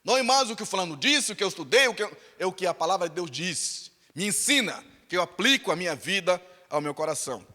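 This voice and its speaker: Bright-voiced Brazilian preacher in reverberant hall. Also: male voice, high voice, expressive, fast, hardly any pauses. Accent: Brazilian Portuguese. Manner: emphatic, repetitive preaching delivery. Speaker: pastor. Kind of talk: sermon with storytelling. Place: church sanctuary.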